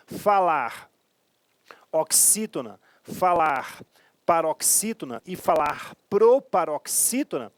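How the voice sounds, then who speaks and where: A man with a Brazilian Portuguese accent leads an exam-prep grammar lesson in an emphatic, coaching way. He slows down to stretch key words and keeps asking short check-in questions. The sound is dry and close, with no room around it. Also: fairly high pitch, dry recording. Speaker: teacher.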